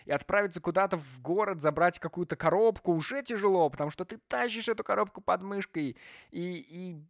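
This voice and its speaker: A man in his twenties hosting a podcast in a casual, theatrical way, swinging between loud outbursts and quiet asides. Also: sits high, a little fast, vocal fry, no room sound, studio quality. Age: 20s. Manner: animated, theatrical, jumps between loud and hushed. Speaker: podcast host.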